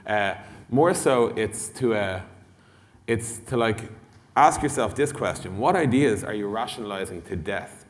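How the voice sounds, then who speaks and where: Speaking to a large indoor conference hall, a male tech executive delivers a loose product talk, plain-spoken and a bit profane, with acted-out exchanges. He sounds lowish and animated, going a little slowly. The stage audio rings with long hall reverb.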